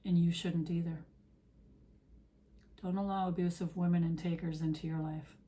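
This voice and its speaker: A woman's voice: fairly low pitch, flat delivery, normal speed, mellow. Earnest woman giving spiritual encouragement. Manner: earnest, preachy, direct address. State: losing her voice. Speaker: tarot reader.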